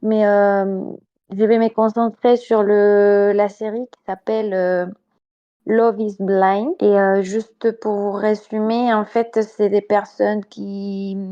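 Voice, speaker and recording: Speaking through a home mic on voice chat, this podcast guest from Mexico has a mellow, medium-pitched voice with the highs cut off. She talks casually in Spanish-accented English, laughing frequently and pausing with many hesitations.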